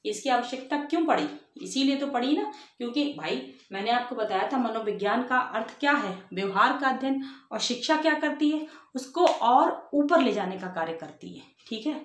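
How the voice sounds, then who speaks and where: A woman with a somewhat high-pitched voice teaches an exam-prep lesson. She explains in plain words, asks rhetorical questions and keeps checking whether the point is understood. The room around her is echoey. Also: animated, moderate pace, slight background noise.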